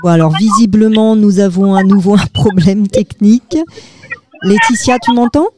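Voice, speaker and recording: A woman's voice: mid-range voice, moderate pace, darkish tone, slight background noise. A woman hosting a live school web radio show, patient and hesitant, with many fillers.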